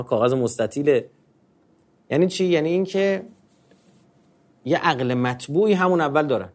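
A man's voice: on the high side, a little mellow. A man giving a conversational religious talk on marriage. He talks in an informal way with polite fillers, and he keeps asking rhetorical questions and answering them himself.

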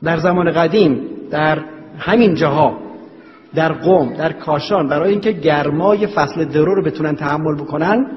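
A man's voice: fairly high pitch, soft background music. A man giving an explanatory lecture on traditional medicine, laying out numbered points and asking rhetorical questions. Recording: dull, reverberant hall recording.

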